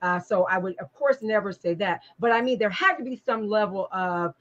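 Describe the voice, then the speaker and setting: A woman's voice: mid-range voice, normal speed, fairly bright tone, lo-fi sound. A woman hosting an interview, asking long, encouraging questions that she rephrases as she goes. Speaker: talk show host. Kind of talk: interview conversation.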